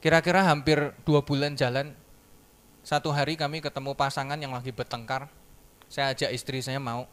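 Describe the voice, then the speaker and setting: A man giving a sermon testimony in church, telling his story in a lively way and acting out the dialogue. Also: medium pitch, moderate pace. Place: church service.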